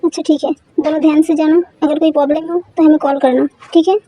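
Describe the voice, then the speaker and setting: A woman with a very high voice but a dark, mellow tone reads a fan-made love story aloud. She voices all the characters' playful bickering herself, in a casual, chatty way. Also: little pitch movement, fast, no room sound, poor audio.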